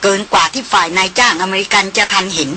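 A woman reading an audiobook novel aloud with a bright, crisp tone. Her narration is measured and descriptive, at a middle pitch, with a faint hiss behind it.

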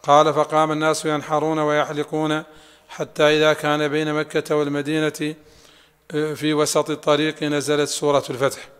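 A man reading a classical text aloud to a sheikh in a steady, even recitation. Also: on the high side, brisk, clean tone. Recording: long hall reverb.

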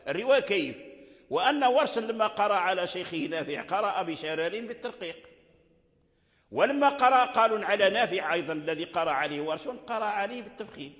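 Male recitation teacher, high lively voice, patient repetition, long hall reverb. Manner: explains slowly with repetition, drawing out example words. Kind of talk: lecture on Quranic recitation rules.

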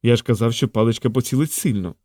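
A man's voice: mid-range voice, fast, darkish tone, no echo, close to an everyday voice. A man voicing an earnest, worried young man in an audiobook, in a plain, natural voice.

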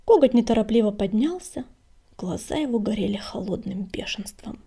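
A woman narrating an audiobook in a hushed, half-whispered way. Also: medium pitch, lively intonation, moderate pace, gravelly, breathy edge.

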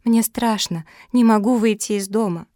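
A woman's voice: medium pitch, moderate pace, mellow, no echo, lightly acted. A timid, tearful dog sister, put on by a woman reading aloud. She frets and quavers, always near to sobbing. The recording is close and dry. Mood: frightened.

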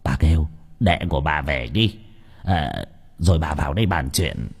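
A man's voice: very deep voice, animated, moderate pace, vocal fry, slightly rough, pitched below the performer's own voice, heavily acted. A man voicing a sly middle-aged sorcerer who teases and talks in secrets. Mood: hushed.

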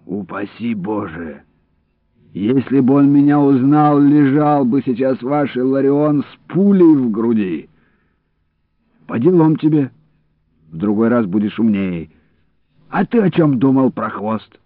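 A man voicing a groaning, wounded old man who pleads and curses in a high wailing voice. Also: lively intonation, measured pace, long pauses, no echo, natural voice. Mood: scolding. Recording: dry, phone-like narrow sound.

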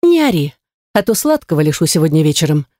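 A woman's voice: medium pitch, sing-song, normal speed, darkish tone, dry recording, studio quality, lightly acted. A woman voicing a sassy young heroine who fires back with cheeky, indignant retorts. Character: sassy young heroine, quick-tongued and defiant.

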